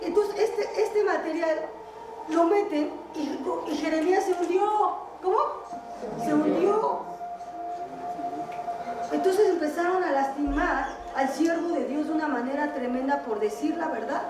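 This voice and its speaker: A woman's voice: sits high, a little slow. A woman preacher telling a Bible story to her congregation in a sermon, often stopping to quiz them with questions. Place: church meeting hall. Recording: echoey hall, distant mic, music behind.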